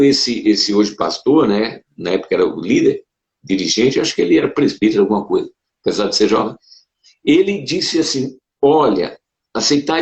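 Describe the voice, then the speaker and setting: A man, a Brazilian pastor, telling his conversion story in a casual conversation, animated and emotional, with sudden leaps up in pitch. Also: creaky. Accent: Brazilian Portuguese. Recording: dull roomy sound.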